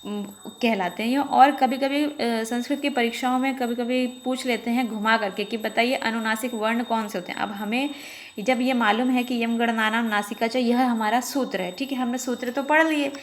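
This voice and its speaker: Woman teaching sanskrit, slightly high voice, recites sutras slowly and stretched out, keeps asking "theek hai". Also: fairly even intonation, slight background noise. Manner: slow, drawn-out recitation of sutras; explains patiently, often checking with "theek hai". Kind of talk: online lesson.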